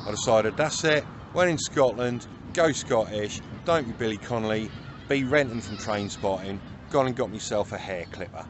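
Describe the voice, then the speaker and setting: A man's voice: on the low side, normal speed. An older man narrating his vanlife travels in a chatty way, with dry self-mocking humour. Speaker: vanlife vlogger. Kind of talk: casual travel vlog narration. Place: campervan and roadside spots outdoors. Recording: noisy outdoor vehicle recording.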